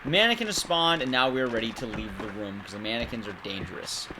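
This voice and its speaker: A streamer and commentator gives casual live gameplay commentary, explaining things to his audience conversationally. He has a mid-range voice and talks quickly over background noise.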